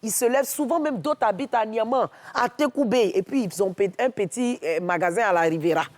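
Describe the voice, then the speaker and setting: A woman with an Ivorian French accent, a guest on a TV talk show, telling a story in a lively way and acting out what each person said. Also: a little high, a little fast. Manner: lively, tells stories in the first person and acts out what each person said. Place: TV studio.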